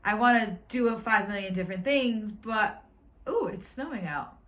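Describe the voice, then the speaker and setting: A woman's voice: mid-range voice, normal speed, fairly bright tone. A woman in her twenties telling her own story at home in a candid, emotional, rambling way. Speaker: vlogger. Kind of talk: personal vlog storytelling. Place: at home indoors.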